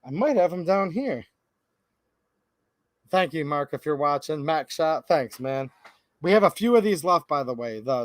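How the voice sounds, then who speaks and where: A man's high-leaning voice comes through a dry recording from a home studio. As a livestream host, he talks straight to viewers, reading their comments and chatting with casual, folksy passion.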